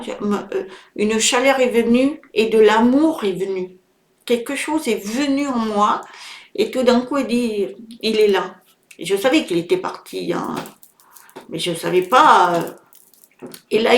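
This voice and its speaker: Middle-aged woman telling something personal, lots of euh and restarts, emotional, echoey room. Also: medium pitch. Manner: hesitant, many fillers and restarts; emotional, halting. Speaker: vlogger sharing a personal story. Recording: roomy echo.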